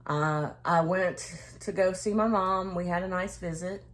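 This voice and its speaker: A woman's voice: lowish voice, unhurried. A woman chatting casually to camera as a vlogger, in a hesitant, rambling way that trails off.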